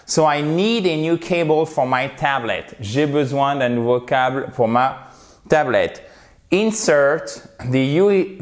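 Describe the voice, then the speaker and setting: A man teaching English vocabulary in a language lesson, patiently repeating words for pronunciation. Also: medium pitch.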